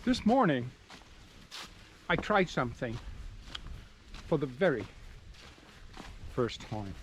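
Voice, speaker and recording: A mid-range, very animated voice moves slowly as this hiking vlogger walks a rural trail and country road, musing aloud to viewers and interrupting himself in a rambling manner. His handheld camera captures outdoor ambience with noise.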